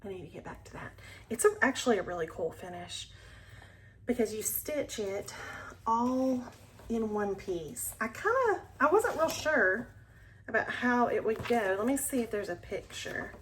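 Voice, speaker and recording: In a casual show-and-tell, this Alabama woman who hosts a cross-stitch channel talks eagerly about her projects, occasionally falling to almost a whisper. She sounds a little high and sing-song at normal speed, over poor audio with slight background noise.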